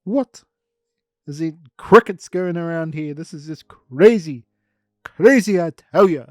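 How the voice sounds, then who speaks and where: A man voicing a pompous male vampire count who loves his organ, declaiming slowly and grandly. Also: a little high, a little mellow, clean tone, dry recording, clean studio sound. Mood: flustered.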